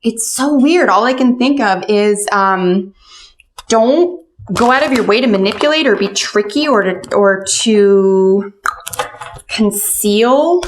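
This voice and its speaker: A woman's voice: mid-range voice, slow, noisy background. Casting: female tarot reader, mid-range voice, conversational fortune-telling delivery aimed straight at the listener. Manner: fortune teller, addressing the listener directly with pointed questions and cautions. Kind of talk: casual spoken tarot and oracle card reading.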